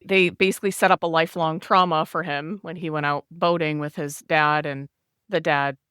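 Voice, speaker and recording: A woman's voice: sits low, flat delivery, normal speed, a bit bright, clear, resonant tone, no room sound, clean studio sound. A woman co-hosting a psychotherapy podcast, chatting casually and thoughtfully as she retells a film's plot at length.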